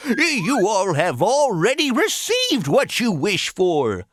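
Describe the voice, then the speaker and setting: A woman's voice: medium pitch, wildly swooping pitch, slow, dry recording, studio quality, full character voice. A woman voicing a jolly, commanding wizard in a children's storybook cartoon, theatrical and declamatory. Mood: welcoming.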